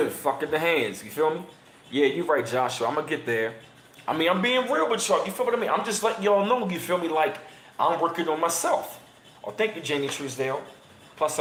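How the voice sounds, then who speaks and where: A man in his thirties hosting a casual livestream, chatting with viewers in slangy talk and reading passages aloud, his voice jumping high whenever he gets emphatic. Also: reverberant, a little hiss or hum. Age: 30s. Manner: excitable, voice jumps high when emphatic, slangy. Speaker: channel host.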